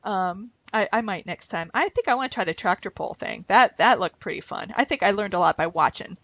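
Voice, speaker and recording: A woman talks through her scrapbook page at home, rambling off topic and laughing easily. Her voice sits at an ordinary middle pitch. The sound is dry and close, with little room around it. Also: expressive, a little fast, a bit bright, no room sound, muffled recording. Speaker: craft vlogger. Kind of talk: casual chat while scrapbooking.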